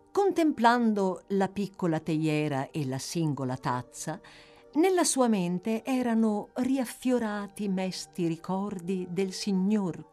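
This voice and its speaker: Slow, dramatic woman reading a novel. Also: lowish voice, warm tone. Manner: dramatic, lingering on words, strongly varied phrasing. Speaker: audiobook reader. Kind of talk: expressive scripted narration of a classic novel.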